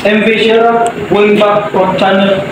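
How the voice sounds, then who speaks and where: A man's voice: high-pitched, little pitch movement. A young man, a maritime cadet, calling another ship in formal VHF radio procedure, ending each turn with "over". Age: young adult. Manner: formal radio procedure, slow deliberate call-and-over phrasing. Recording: echoey room, distant mic, loud background noise.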